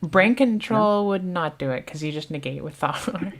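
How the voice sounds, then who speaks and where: A woman's voice: lowish voice, expressive, moderate pace. A woman with a Southern US accent doing casual live commentary on a card game tournament, chatty and thinking aloud as she answers viewers' questions.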